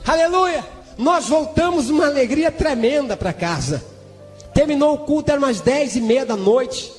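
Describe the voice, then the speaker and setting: A man preaching a testimony in church, telling his story fervently, with sudden shouted exclamations and bursts of tongues between sentences. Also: extremely high pitch, very animated, normal speed. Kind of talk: sermon testimony. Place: church hall. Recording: echoey church hall with music behind.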